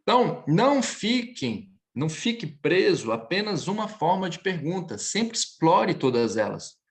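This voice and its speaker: A male French teacher leading a live online class, his voice rising and falling in a lively way. He explains patiently and repeats phrases slowly for his students. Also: high voice.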